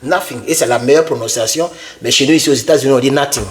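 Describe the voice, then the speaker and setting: A man's voice: medium pitch, racing. A young man giving a casual video lesson, repeating words over and over to drill pronunciation and speaking straight to the viewer. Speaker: English teacher.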